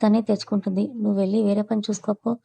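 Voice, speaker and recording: A woman's voice: medium pitch, flat delivery, rapid-fire, creaky, warm tone, slightly rough. A woman voicing a bossy old grandmother. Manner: commanding, scolding.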